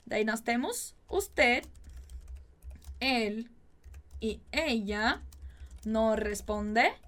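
Casting: high-pitched Portuguese-speaking woman as a Spanish tutor, slow drilled phrases, chatty asides. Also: animated, fairly bright tone. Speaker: Spanish teacher. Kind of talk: language lesson with drills.

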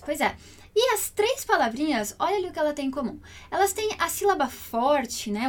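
A woman with a Brazilian Portuguese accent explains Italian words in a lesson. She slows down to spell foreign phrases out word by word. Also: sits high. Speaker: Italian teacher.

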